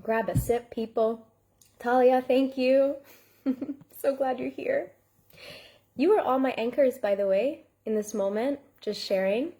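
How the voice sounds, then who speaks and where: A woman's voice: on the high side, unhurried, warm tone. A woman coach giving a heartfelt live online masterclass, reading out and thanking viewers in the chat. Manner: earnest, heartfelt, speaks to chat viewers by name.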